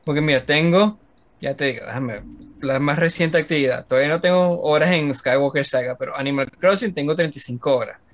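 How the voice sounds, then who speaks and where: Casting: young Venezuelan man, slightly high voice, rambling casual podcast co-host. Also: a little fast. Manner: rambling, listing game hours with laughs. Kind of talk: casual chat.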